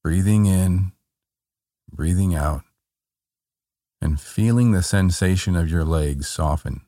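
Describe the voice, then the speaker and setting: Calm, meditative man with a very low voice. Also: no echo, clean studio sound. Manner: gentle, unhurried instruction with short soothing phrases. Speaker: meditation guide. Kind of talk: guided body-scan relaxation.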